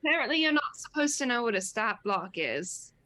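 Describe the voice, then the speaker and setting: Woman playing a bright-voiced, blunt barbarian adventurer. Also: a little high, big pitch swings, a little fast. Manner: blunt, goading. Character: blunt, naive, pushy female barbarian adventurer.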